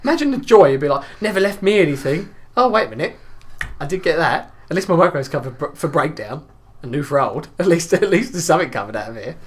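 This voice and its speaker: A man's voice: on the high side, big pitch swings, quick pace. A man hosting a podcast, rambling through crude, swearing banter and laughing often.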